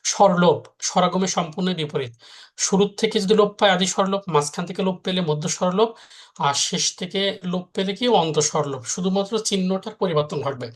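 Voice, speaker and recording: A man's voice: high voice, quick pace. A man teaching a live grammar lesson, repeating each rule and answering his own questions.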